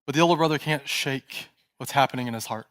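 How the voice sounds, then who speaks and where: A male pastor tells a story during his church sermon, speaking fast in a mid-range voice. When the tension builds, he drops to a soft, hushed tone.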